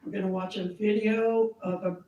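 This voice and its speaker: A woman talks to a community meeting at normal speed, her scratchy voice warm, medium-pitched, and fairly even in intonation. The lo-fi recording comes from a distant, off-mic position in an echoey meeting room, and her informal presentation is friendly and chatty, with small laughs and fillers.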